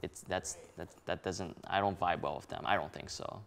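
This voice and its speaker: A man panelist in casual commentary chat, joking and often trailing off softly. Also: low voice, fairly even intonation, moderate pace, creaky, slight background noise.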